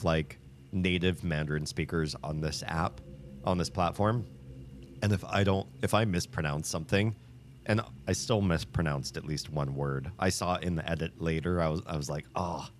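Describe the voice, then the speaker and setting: A low-voiced man hosts a livestream, chatting with viewers in a casual, upbeat way. A native English speaker, he rambles and restarts sentences, filling them with lots of ums and likes. A faint hiss runs underneath.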